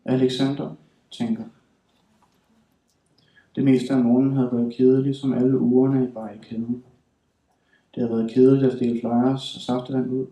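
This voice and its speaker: A man reading his own literary writing aloud in a deliberate, measured way. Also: mid-range voice, little pitch movement, mellow, recorded from a distance. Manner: measured, deliberate delivery with slow emphatic stretches. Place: reading hall at a writing school. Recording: roomy hall, voice from afar.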